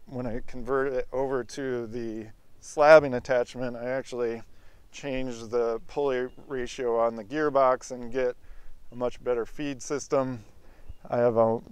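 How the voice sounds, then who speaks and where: A man's voice: medium pitch, darkish tone, clean tone, dry recording. A man giving a casual, plain-spoken walk-through tour of his sawmill as its owner. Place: outdoors around a sawmill yard, later inside a large former riding arena.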